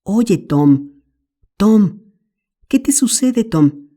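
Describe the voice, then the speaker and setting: A woman's voice: mid-range voice, very animated, drawn-out words, dark tone, pitched above the performer's own voice, exaggerated voice. A woman voicing an anxious young boy, urgent and pleading, in an audiobook.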